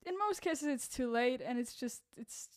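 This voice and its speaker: Woman podcaster, somewhat high voice with cracks, loose rambling self-mocking delivery. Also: lively intonation, moderate pace. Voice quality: voice cracks, a bit rough. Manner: rambling, self-deprecating, laughs at own jokes. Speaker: podcast host and content creator. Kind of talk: casual solo podcast chat.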